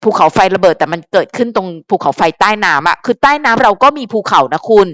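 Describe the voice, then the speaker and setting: A young woman hosting a fan channel, chatting casually and at length to her viewers in a rambling, animated way full of fillers. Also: medium pitch, fast, no echo.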